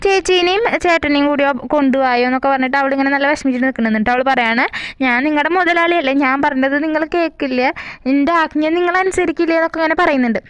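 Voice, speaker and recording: A woman casually retelling a TV serial episode, speaking each character's lines in her own voice. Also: sits high. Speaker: serial recap narrator. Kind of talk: casual spoken episode recap.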